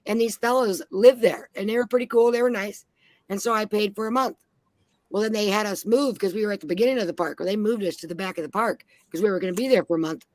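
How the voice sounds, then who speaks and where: A woman's voice: medium pitch, quick pace, a little mellow, no echo. A woman from Minnesota on a panel, telling blunt, heavily profane stories in casual chat. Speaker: panel guest.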